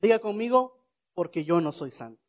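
A man preaching a sermon, asking rhetorical questions and leading the congregation in shouted responses. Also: sits high, very animated, normal speed.

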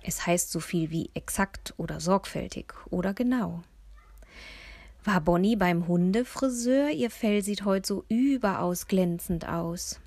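A woman narrating a children's storybook in the first person, with a lively, expressive reading. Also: medium pitch, dry recording. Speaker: audiobook reader.

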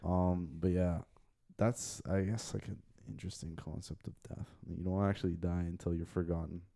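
A man's voice: deep voice, level tone, normal speed, vocal fry, warm tone, no room sound, studio quality. A man hosting a podcast in casual chat, rambling with many filler words into a handheld mic. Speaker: podcast host.

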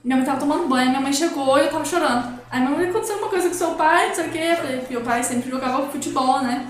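A young woman from Brazil telling a personal story in casual chat, rambling and animated, quoting dialogue as she goes. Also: high-pitched, very fast. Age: young adult. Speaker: guest. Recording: very echoey room.

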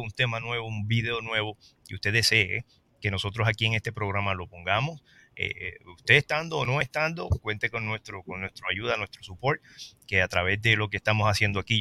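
A man hosting a casual talk show, lively and reading out viewer comments. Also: lowish voice. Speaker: host.

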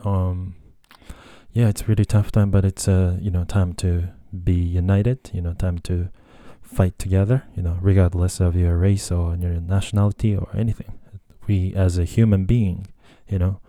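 A man's voice: low-pitched, little pitch movement, moderate pace, dark tone, dry recording, studio quality. A young Japanese man with a Japanese accent hosting a casual solo podcast, talking hesitantly with many fillers and self-corrections. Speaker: podcast host. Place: Tokyo, Japan.

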